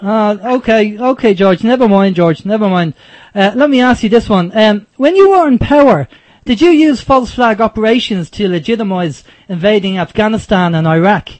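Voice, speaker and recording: A male late night call-in radio host. His voice sits remarkably high for a man, and he talks hesitantly, with an unscripted phone-in feel as he handles the caller. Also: normal speed, a little mellow, low-quality recording. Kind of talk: unscripted-sounding phone-in hosting.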